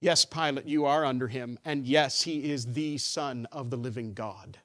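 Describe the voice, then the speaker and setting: A man preaching a sermon, building emphatic rhetorical questions that swell louder and drop soft. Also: medium pitch, normal speed. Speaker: pastor.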